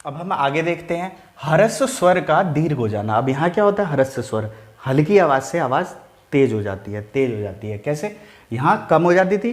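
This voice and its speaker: A man with a slightly raised pitch teaching a Hindi grammar lesson straight to the viewer. He repeats each example slowly, several times over. He asks his own questions and answers them himself. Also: reverberant. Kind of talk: explaining lesson to camera.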